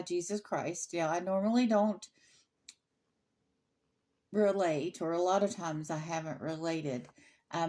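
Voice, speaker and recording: Middle-aged woman doing a bible study on her channel, slow and frank, reads the verses then talks them through. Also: fairly low pitch, a little mellow. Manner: unhurried, frank, pauses and restarts while reading aloud. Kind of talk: informal Bible teaching with scripture reading.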